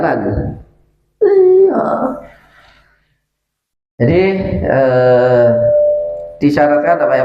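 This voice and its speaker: A man teaching a kitab study lesson at a boarding school, explaining an Arabic text line by line with lively asides. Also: a little high. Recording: echoey room, dull lo-fi sound, faint room hum.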